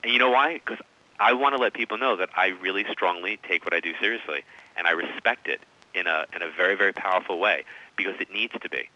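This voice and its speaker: Emphatic man in his forties, sharp bright voice. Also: low-pitched, quick pace. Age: 40s. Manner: emphatic, storytelling. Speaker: psychic medium guest. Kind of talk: interview conversation. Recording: dull radio-style audio.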